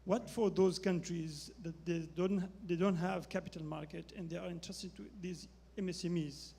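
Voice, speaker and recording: A man asking a halting question from the floor at a panel, with many pauses. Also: sits high, steady tone, creaky, warm tone, husky. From Afghanistan. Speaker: audience member asking a question. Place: conference hall. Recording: long reverb in a conference hall.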